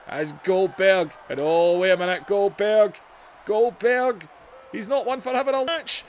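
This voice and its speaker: An excitable man in a high voice commentates a wrestling video game match, drawn out and unhurried between bursts of shouting, and he laughs and yells at big moves. His voice is going hoarse, with a faint hiss under the recording and some chatter in the background.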